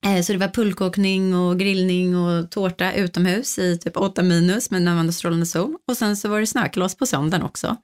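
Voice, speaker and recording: A woman's voice: fairly low pitch, fairly even intonation, few pauses. A woman hosting a casual podcast, chatting with lots of fillers and restarts. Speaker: podcast host. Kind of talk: casual chat.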